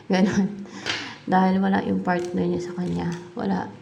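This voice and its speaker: A woman's voice: mid-range voice, little pitch movement, slow, creaky, background noise. A woman giving a casual spoken tarot reading, musing aloud and repeating herself as she mixes English into her speech. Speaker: tarot card reader.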